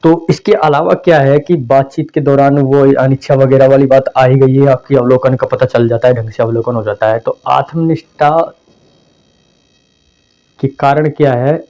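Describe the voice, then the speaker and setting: A man's voice: medium pitch, steady tone, moderate pace, warm tone. A man giving a conversational exam-prep lesson, repeating points and acting out phrasings to show meaning. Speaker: teacher. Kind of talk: explanatory lesson. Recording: dull lo-fi home recording.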